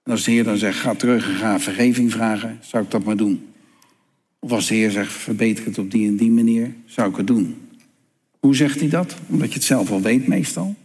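A man preaching a sermon, unhurried, pausing often and dropping softly into spoken prayers. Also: on the low side, in a large hall. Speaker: pastor.

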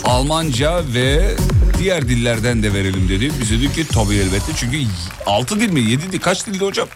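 A fast-talking man hosting a morning radio show. His voice rises and falls freely as he banters in a playful, joking tone, with faint music underneath. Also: medium pitch, very animated.

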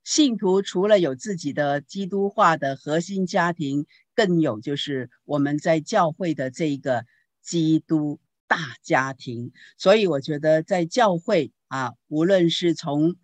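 A woman pastor giving a teaching talk on parenting, telling anecdotes in a lively way and asking the audience questions. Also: deep voice, a little slow, dry recording. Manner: lively storytelling with rhetorical questions.

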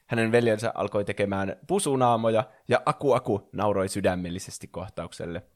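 Low-voiced man reading a story aloud. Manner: playful, acts out characters. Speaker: fan fiction reader.

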